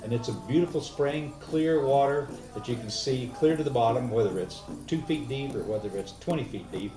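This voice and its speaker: A man's voice: medium pitch, moderate pace, over music. A man hosting a powwow, welcoming viewers informally in a folksy emcee style. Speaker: host of a virtual powwow. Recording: echoey, distant mic, faint noise.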